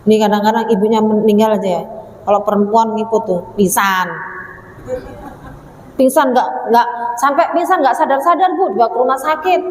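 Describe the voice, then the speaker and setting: A woman, a religious teacher addressing a women's study group in a lively, joking way, then leading recited prayers. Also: a little high, brisk, pauses often. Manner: animated, joking, mimics people. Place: prayer gathering hall. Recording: echoey hall with faint hum.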